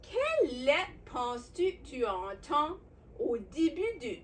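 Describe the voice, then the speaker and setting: A woman with a Québécois accent, hosting a children's lesson on letters and sounds, talking warmly and encouragingly straight to the young viewer. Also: high-pitched, slow, recorded from a distance, slight background noise. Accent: Québécois French. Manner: animated, encouraging, speaks directly to the child viewer. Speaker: children's educational host.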